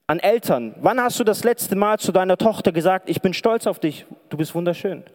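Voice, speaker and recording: A man preaching to an audience from a stage, talking conversationally and firing question after question at them. His voice sits a bit higher than most men's, and it rings out with a long reverb from the big hall around him. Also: darkish tone. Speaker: preacher and pastoral counselor. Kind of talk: sermon. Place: lit stage before an audience in a large hall.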